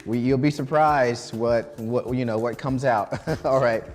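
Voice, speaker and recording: A man hosts a live quiz show from a college studio, mid-pitched and casual. He keeps things loose, with plenty of ums and restarts. A little music sits faintly behind him. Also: steady tone, unhurried, a little mellow. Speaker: game show host.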